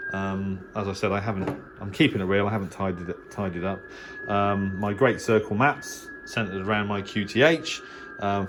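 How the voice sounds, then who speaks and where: A middle-aged man with an English accent and a lowish voice gives a laid-back, unplanned tour of his home radio shack as an amateur radio enthusiast. He hesitates, understates things, and rambles with trailing asides over some background noise.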